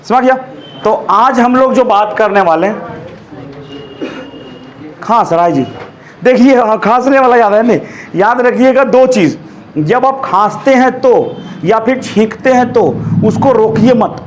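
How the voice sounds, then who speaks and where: High-voiced chatty male teacher. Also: a little hiss or hum. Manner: chatty, joking, asks "है कि नहीं?" often. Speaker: English teacher. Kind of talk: classroom lesson. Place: classroom with students.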